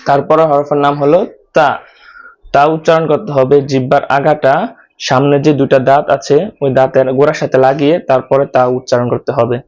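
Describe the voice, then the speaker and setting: A man from Bangladesh teaching an online Quran lesson, slowly explaining how to pronounce each Arabic letter and repeating each sound many times. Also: medium pitch, level tone, darkish tone, highs cut off.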